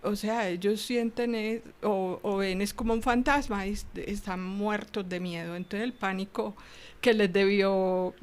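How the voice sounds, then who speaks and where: A woman talks through a gospel passage like a story. She speaks in a chatty, animated way, with light laughter slipping in between her phrases. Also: medium pitch, a little slow, clean tone. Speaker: Bible study co-presenter. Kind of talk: conversational gospel commentary.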